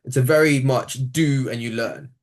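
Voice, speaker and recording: A man from Sri Lanka, a comedian, talking in a casual podcast chat, animated and swearing freely with quick jokey asides. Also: mid-range voice. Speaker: comedian guest.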